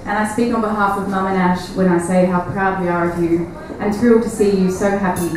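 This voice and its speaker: A woman's voice: medium pitch, fairly even intonation, fairly quick. A woman giving an affectionate, sentimental wedding speech as the bride's sister. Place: large echoey venue at a wedding reception. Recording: echoey, noisy, distant event recording.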